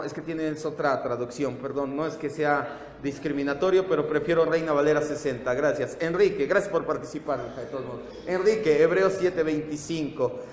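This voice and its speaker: A man leads a Bible class in a church room, explaining word meanings slowly and repeating each term. His voice sits fairly high for a man. The sound rings with a long, hall-like reverb. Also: slight background noise. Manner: slow, repeats terms, calls on listeners by name. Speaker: Bible teacher. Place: church meeting room with projector. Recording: echoey hall.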